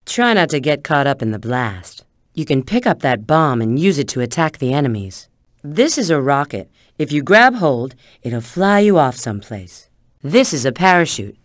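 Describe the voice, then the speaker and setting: Casting: a sly, self-assured female bat spy for a video game; coy instructive delivery, very animated intonation, dry close sound. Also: low voice, moderate pace, no room sound. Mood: coolly helpful. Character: sly, confident adult female bat spy, helpful sidekick. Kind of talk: video game character hint lines.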